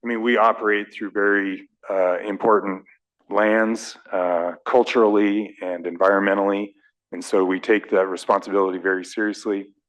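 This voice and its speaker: Low-ish guy from the railroad, apologizing to a council, lots of ums and restarts. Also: level tone, normal speed, a bit bright, lo-fi sound. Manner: hesitant, apologetic, many fillers. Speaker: railroad company representative. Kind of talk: formal address at a council meeting.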